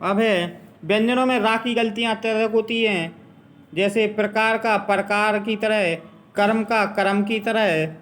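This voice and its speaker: Slow, bright-voiced male grammar teacher. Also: high voice, a little hiss or hum. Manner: deliberate, repeats word pairs to drill pronunciation. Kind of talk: classroom grammar lesson.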